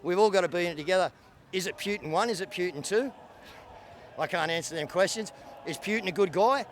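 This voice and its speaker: A man's voice: high voice, fairly quick, a little hiss or hum. A man at an outdoor rally talking in a casual, rambling way in a street interview. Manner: casual, rambling, lots of "you know what I mean". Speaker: rally attendee.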